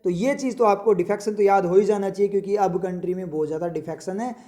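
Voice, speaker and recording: A man teaching English vocabulary in a casual spoken lesson, chatty, quizzing his viewers and repeating words slowly to explain them. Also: high-pitched, dark tone.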